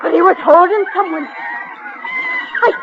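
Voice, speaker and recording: A woman's voice: extremely high pitch, measured pace, shouting. An actress playing a frightened woman in a 1940s radio drama, agitated and breathless. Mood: alarmed. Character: frightened woman watching from the shore. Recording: lo-fi radio drama with crowd noise.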